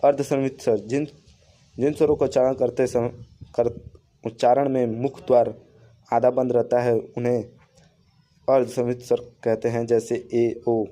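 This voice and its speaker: A man teaching grammar with a very dark, mellow voice. He restates each rule in simpler words and draws out the vowel examples he sounds. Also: mid-range voice, flat delivery, moderate pace, pauses often. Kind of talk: classroom-style lesson.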